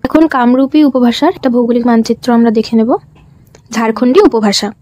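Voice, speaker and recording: High-voiced young woman giving a lesson. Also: a little fast, dry recording. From West Bengal, India. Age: young adult. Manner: explains in a steady question-and-answer pattern. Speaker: student teacher presenting. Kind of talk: presentation lesson.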